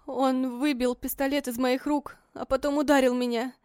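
A woman's voice: high voice, flat delivery, normal speed, a little mellow, smooth, no room sound, clean studio sound, lightly acted. A woman voicing a terrified, injured young wife in an audiobook, pleading in a shaky, tearful way. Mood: frightened. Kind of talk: audiobook character reading.

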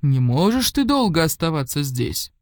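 A woman reading an audiobook, putting on the slow, imperious voice of a stern male celestial leader. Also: lowish voice, sing-song, dry recording, studio quality. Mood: commanding.

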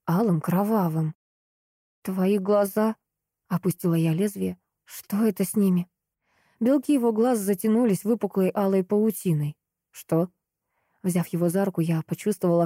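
A woman narrating a novel in the first person, expressive and measured. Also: on the low side, dry recording, clean studio sound. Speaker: audiobook narrator.

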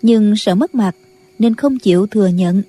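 A woman narrating a martial-arts audiobook in a measured storytelling manner. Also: mid-range voice, warm tone. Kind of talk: scripted narration.

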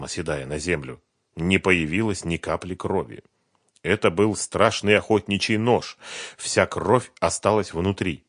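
Deep-voiced male audiobook narrator. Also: no echo, studio quality. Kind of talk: scripted narration.

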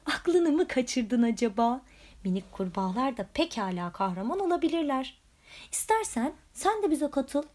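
A woman's voice: high voice, sing-song, normal speed. A woman voicing a confident, self-reliant young princess who talks breezily in a storybook. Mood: reassuring. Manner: breezy, gently mocking.

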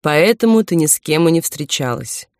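Woman reading a calm, possessive young romantic lead, gentle, dry studio sound. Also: low-pitched, moderate pace, no room sound. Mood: gentle probing. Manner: careful, soft-spoken, self-assured. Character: confident possessive young man, gentle lover.

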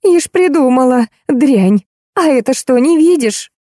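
A woman's voice: high voice, expressive, a little slow, warm tone, dry recording, studio quality, pitched above the performer's own voice. A woman voicing Lenochka, a furious jealous young woman who screeches coarse insults, in an audiobook.

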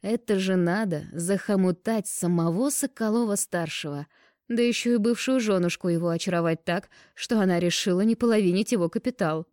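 A woman's voice: medium pitch, darkish tone, no echo, studio quality, lightly acted. A woman reading an audiobook and voicing a nosy young woman friend who teases, pouts and takes offence easily. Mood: teasing. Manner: teasing, indignant, quick to take offence.

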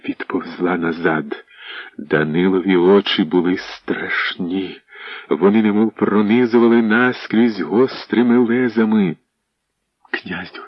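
A man narrating a historical novel as an audiobook in a measured, expressive reading. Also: deep voice, no echo. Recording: dull lo-fi audiobook recording.

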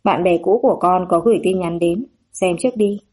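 A woman's voice: lowish voice, brisk, darkish tone, breathy edge. A woman narrator voicing a reserved, inscrutable middle-aged father who speaks coolly and briefly. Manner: cool and curt.

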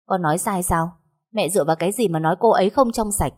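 A woman's voice: medium pitch, big pitch swings, quick pace. A woman voicing a cold, domineering young husband who speaks harshly and gives orders. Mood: angry. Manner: harsh, commanding.

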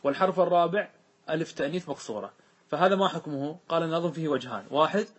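Speaking very fast in a fairly high, slightly rough voice, a man teaches a classroom lesson on an Arabic grammar poem. He repeats his examples with patience and confirms his students understand.

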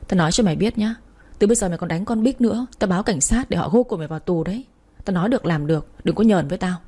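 A woman's voice: on the low side, very fast, dark tone, breathy edge. A woman voicing a coarse, blunt neighbor woman who scolds hard. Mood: angry. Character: foul-mouthed tough older woman neighbor.

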